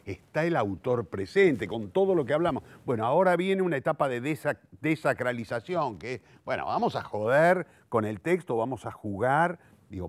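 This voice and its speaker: A medium-pitched male voice on a dry recording belongs to a playwright, director and theatre teacher in his sixties. With a Rioplatense Argentine accent, he speaks reflectively and eloquently during an interview, correcting himself and thinking aloud, frequently repeating words as he reaches for the next.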